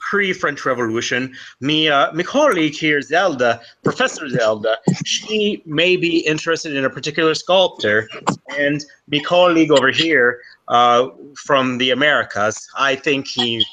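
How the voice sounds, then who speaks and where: Man playing a bumbling adventurer, attempted Irish accent, lively pitch, bright voice. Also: normal speed, lo-fi sound. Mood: flowery. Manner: rambling, flowery, stumbling over words. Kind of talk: improvised tabletop role-play.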